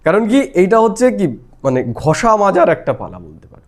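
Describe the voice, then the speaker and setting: Guy with a pretty high voice giving a patient spiritual talk, keeps asking if folks get it. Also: wildly swooping pitch, normal speed. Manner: explains patiently, asks listeners rhetorical questions. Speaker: spiritual teacher. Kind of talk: devotional explanation of a daily lesson.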